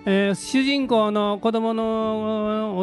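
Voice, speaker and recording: A man with a Kansai accent, a radio guest talking about picture books in a relaxed, playful way. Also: high voice, extremely slow, faint music behind. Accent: Kansai Japanese. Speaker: reading advisor guest. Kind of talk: radio talk show chat.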